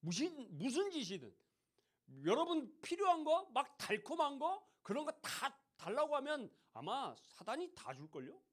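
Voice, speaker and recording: A man's voice: very high-pitched, huge pitch swings, moderate pace, few pauses, fairly bright tone. A man giving a sermon to teenagers in a church hall, speaking conversationally, often asking the listeners questions and acting out mocking voices. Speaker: youth pastor.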